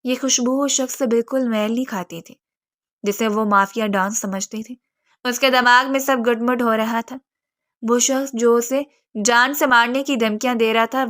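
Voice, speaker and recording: A woman's voice: a little high, fairly bright tone. Woman narrating a romance novel.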